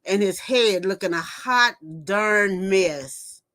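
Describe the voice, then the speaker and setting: A woman in her fifties, hosting a laid-back livestream, reads viewer comments aloud and reacts to them between bits of gossip. She speaks slowly, with a medium pitch and a fairly bright tone.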